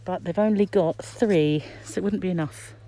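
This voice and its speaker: Filming on a handheld phone from behind the camera, a crochet vlogger chats her way down a shop aisle. She's a middle-aged British woman whose mellow, low-ish voice moves at a moderate pace and is muffled by her face mask as she muses aloud. Background noise and shop ambience run under this casual, chatty shopping vlog.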